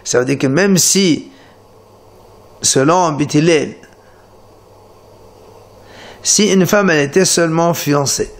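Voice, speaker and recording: Animated man teaching Talmud. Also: a little high. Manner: animated explanation, many restarts, Hebrew terms. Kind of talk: Talmud lesson explaining a page. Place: Marseille study center.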